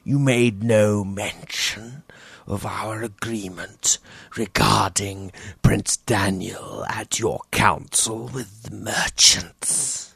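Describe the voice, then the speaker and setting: A male audiobook narrator voicing an old fanatical sorcerer priest who speaks low and breathless, in a whispery, gravelly way. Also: steady tone, very slow, a bit bright, dry recording, heavily acted. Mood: cold. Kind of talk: audiobook character reading.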